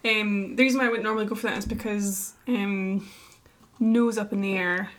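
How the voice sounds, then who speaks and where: A woman from Skye, a podcast guest, chatting over drinks in an animated way, laughing and quick to question. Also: mid-range voice. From Isle of Skye, Scotland. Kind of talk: relaxed conversation over drinks.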